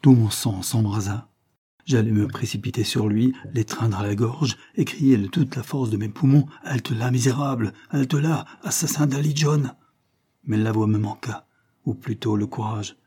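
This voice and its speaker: A man's voice: mid-range voice, normal speed, warm tone, breathy edge. A man reading the part of a shaken young man on the run, who speaks urgently and insistently. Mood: agitated, insistent.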